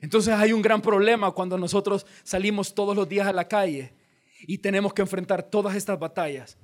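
Animated, high-voiced preacher. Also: male voice, a little fast. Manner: animated, acts out scenes, addresses the congregation directly. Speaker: pastor. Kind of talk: sermon.

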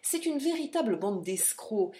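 A woman reading the lines of a sober middle-aged stable keeper, calm and advising. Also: fairly high pitch, moderate pace.

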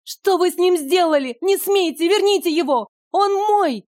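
A frightened young heroine pleads in high, shrill cries, as a woman narrator voices her. Her tone stays mellow. The audiobook recording is dry and close. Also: moderate pace, dry recording, natural voice. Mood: desperate.

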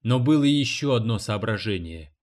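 A man narrating a novel aloud in a measured, expressive reading. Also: fairly low pitch. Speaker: audiobook narrator. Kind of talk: scripted narration.

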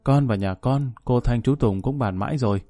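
Male narrator voicing an insistent, coaxing grown daughter in an audio story, mellow and close. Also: mid-range voice, normal speed, no room sound, soft background music, lightly acted.

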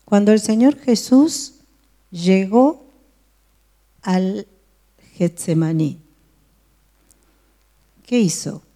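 A woman's voice: medium pitch, lively intonation, very slow, pauses often, mellow. A woman teaching a Bible study to a group, often asking her listeners questions. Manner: asks the listeners frequent questions.

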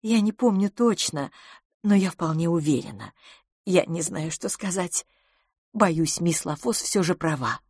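A woman voicing a flustered, anxious middle-aged governess in an audiobook, her pleading lines rising high. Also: lively intonation, measured pace, a little mellow, slightly rough, no room sound, clean studio sound, full character voice. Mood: apologetic. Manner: agitated, pleading, rising pitch.

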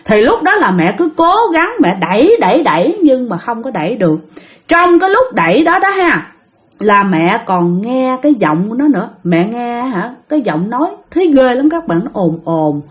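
A woman's voice: fairly high pitch, sing-song, moderate pace. A young woman telling a ghost story in a chatty way, talking straight to her listeners. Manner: chatty, addresses listeners directly.

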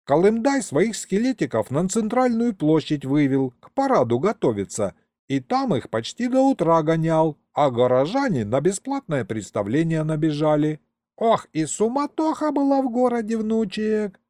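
Brief: folksy old grandpa, high and drawn-out, mellow dry audiobook voice, played by a man. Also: sing-song, no room sound. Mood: doting. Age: older. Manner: folksy, calls him grandson. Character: doting old village grandfather, folksy and fond.

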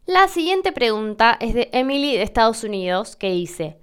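A young adult woman from Argentina with an Argentine Spanish accent, hosting a podcast and explaining pronunciation slowly and carefully. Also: a little high, very animated, clear, resonant tone. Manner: slow, careful demonstrations of pronunciation. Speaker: podcast host answering listener questions.

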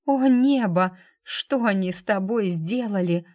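A woman's voice: medium pitch, measured pace, a little mellow, no room sound, natural voice. Trembling, tearful young heroine, read by a woman, raised and pleading, dry close audiobook sound. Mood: desperate pleading. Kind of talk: audiobook character voice.

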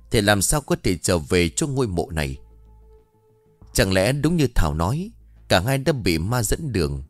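A man narrating a ghost story in an expressive, dramatic reading style. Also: lowish voice, no echo. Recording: faint background music. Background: soft music.

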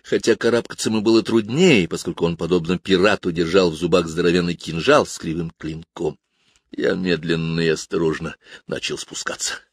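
A man reading a novel aloud in a measured, even storytelling manner. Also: low-pitched, breathy edge, no echo, clean studio sound. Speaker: audiobook narrator. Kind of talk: scripted narration.

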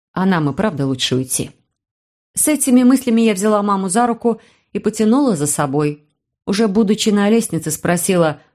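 A woman narrating a first-person fantasy audiobook in a steady, even storytelling manner. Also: medium pitch.

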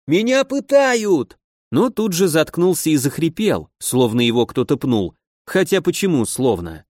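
A man narrating a first-person adventure audiobook in a measured, even storytelling manner. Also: medium pitch, no room sound, studio quality.

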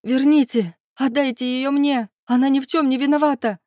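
A woman's voice: fairly even intonation, normal speed, dark tone, husky, no echo, clean studio sound. A woman reading a storybook, voicing a desperate young mother who cries and pleads in a raised voice. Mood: desperate pleading. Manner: crying, high pleading.

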